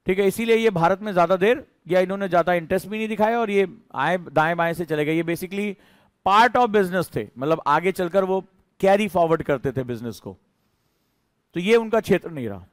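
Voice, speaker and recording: A man's voice: sits high, no room sound. A man teaching a history class in a conversational lecture style, asking his students questions as he explains.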